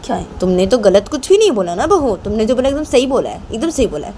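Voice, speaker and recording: A woman voicing a calm middle-aged mother who reasons gently and quietly. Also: fairly high pitch, quick pace, a little hiss or hum, voice pushed up. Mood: approving.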